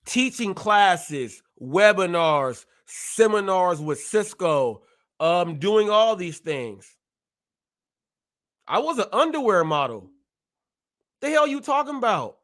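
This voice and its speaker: A man in his forties hosts his own live show, boasting and calling out his critics head-on. He stutters now and then, and his voice sits high while he takes his time with the words. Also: big pitch swings, slow, fairly bright tone. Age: 40s. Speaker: host. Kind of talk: ranting live-stream commentary.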